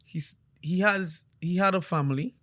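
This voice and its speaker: A man's voice: sits high, moderate pace. A young man hosting a podcast, telling stories animatedly with frequent laughs and restarts. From Trinidad. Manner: animated storyteller, laughs often, many restarts. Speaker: podcast host. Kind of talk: casual podcast chat.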